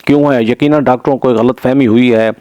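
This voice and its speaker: A distraught young woman who begs to be believed, as a man reads her lines. The voice is mellow and dark-toned, set close in a dry, deadened space. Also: medium pitch, steady tone, no echo, lo-fi sound, natural voice. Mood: distressed. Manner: pleading, tearful.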